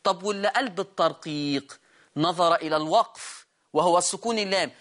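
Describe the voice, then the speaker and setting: A man with an Egyptian accent, a Quran recitation teacher explaining rules in a lesson. He asks his students questions, repeats key words and slows down to sound them out. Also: sits high, fairly bright tone. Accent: Egyptian Arabic.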